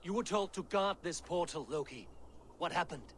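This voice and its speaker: A solemn Norse war leader in a video game, terse and commanding. His voice sits a little high, with faint ambience behind. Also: lively intonation, normal speed, fairly bright tone, slight background noise. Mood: stern. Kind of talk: video game character acting.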